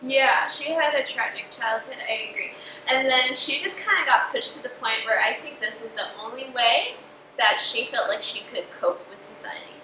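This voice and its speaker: A woman's voice: on the high side, moderate pace, bright, forceful tone. A young woman hosting a casual eating show, chatting with her mouth full and saying "like" a lot. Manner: chatty, with frequent "like" and "you know". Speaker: host. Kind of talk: casual chat while eating. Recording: roomy, distant mic with faint noise.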